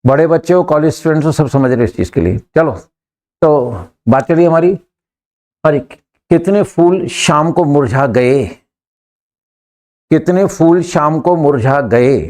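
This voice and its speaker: A man with an Indian accent teaches a live English class. His voice sits a little high. He coaxes the students along, repeats his prompts and pushes them to answer faster. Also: expressive, darkish tone. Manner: coaxing, repeats prompts, urges students to hurry.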